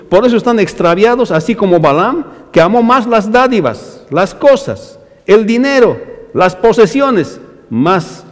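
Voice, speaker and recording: A male pastor preaches emphatically to his brothers in the congregation, rising on repeated phrases and dropping low at the ends of lines. A long reverb tail follows his voice.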